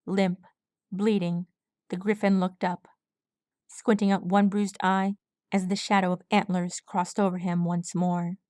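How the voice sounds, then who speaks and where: A woman's voice: fairly low pitch, flat delivery, measured pace, darkish tone, no echo. A woman reading fan fiction aloud as an audiobook, with dramatic storytelling narration. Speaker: audiobook reader.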